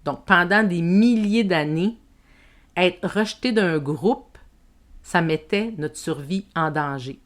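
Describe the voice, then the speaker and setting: A woman with a Québécois French accent hosting a self-help podcast, speaking to the listener in a gentle, reflective way. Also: fairly low pitch. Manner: slow, gentle, addresses the listener as tu. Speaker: podcast host and women's coach.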